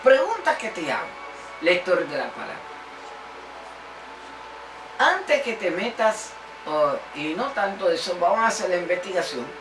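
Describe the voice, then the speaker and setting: A woman's voice: lowish voice, big pitch swings, moderate pace, pauses often, background noise. A woman teaching a Bible lesson on internet radio, emphatic and often asking her listeners questions. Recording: roomy echo from a distant mic, faint music.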